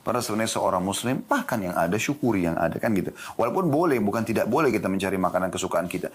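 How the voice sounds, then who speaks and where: This studio lecture on Islam comes from a male preacher whose husky, lowish voice moves at a rapid-fire clip. He energetically throws questions at listeners, then supplies the answers.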